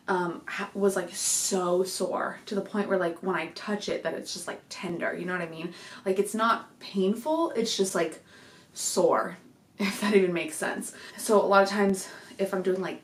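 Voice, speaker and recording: Her voice sits on the low side as this young vlogger rambles casually to camera about her pregnancy at home. She's somewhat out of breath, uses plenty of fillers, and the desk microphone records in an echoey room.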